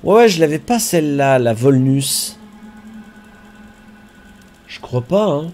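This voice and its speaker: Slow, congested man streaming a game. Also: a little high, soft background music. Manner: relaxed, chatty, thinks aloud and repeats words. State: slightly congested, stuffy nose. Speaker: streamer playing a survival game. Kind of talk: casual live-stream commentary.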